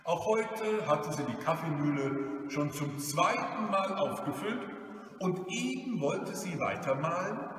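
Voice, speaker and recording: A man reads a children's book aloud in a slow, expressive storytelling voice. His pitch moves a lot and sits a little high. He is far from the mic in a large museum hall, with a long echo ringing after each phrase. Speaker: guest reader.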